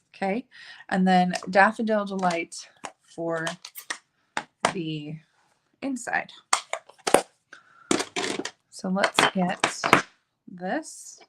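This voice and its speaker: Over some background noise, a woman with a mid-range voice leads a relaxed live card-making session. She narrates her own steps in a chatty way and jokes whenever she makes a mistake.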